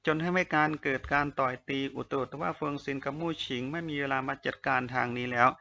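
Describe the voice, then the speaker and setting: A man reading a novel aloud as an audiobook narrator, in a steady storytelling manner. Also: mid-range voice, fast, creaky, dull audio, slight background noise. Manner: steady storytelling read-through.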